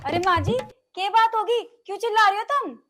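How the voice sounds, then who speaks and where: A woman's voice: extremely high pitch, brisk, a bit bright, soft background music. An actress playing a young village daughter-in-law, teasing her husband and answering back. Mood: coaxing. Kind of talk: rural comedy film acting.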